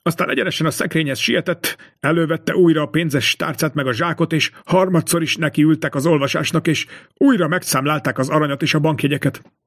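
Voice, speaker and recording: A man narrating a classic novel as an audiobook in a measured, expressive way. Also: on the high side. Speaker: audiobook reader.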